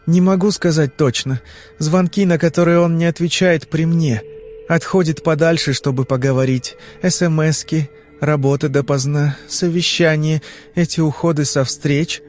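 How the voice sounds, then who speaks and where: A man voicing a frightened young woman under hypnosis, answering in anxious, halting phrases. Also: a little high, fairly even intonation, a little mellow, faint music behind, voice pushed up, close to an everyday voice. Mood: uneasy.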